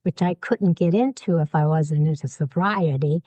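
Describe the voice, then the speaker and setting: A woman guest tells her own story with lively, candid energy and acts out each voice she quotes. Her voice sits a little low, and the sound is close and dry with no room echo. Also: normal speed, lo-fi sound. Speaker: podcast guest.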